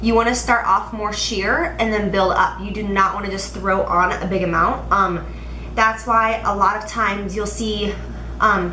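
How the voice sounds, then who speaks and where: A woman's voice: mid-range voice, sharp tone. A woman with a nasal, congested voice giving a casual, chatty makeup tutorial to camera, speaking directly and emphatically to viewers. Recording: roomy echo, faint background noise.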